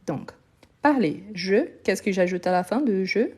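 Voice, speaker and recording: A woman's voice: medium pitch, animated, measured pace, a little mellow, breathy edge. A woman teaching French on a live online lesson. She speaks patiently, repeats each word and often praises her learners.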